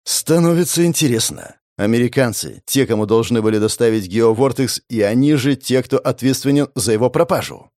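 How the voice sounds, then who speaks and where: A man narrating a first-person audiobook in a gritty, sardonic way, cursing often and dropping into low mutters. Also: expressive, a little fast, few pauses, a little mellow, no echo, clean studio sound.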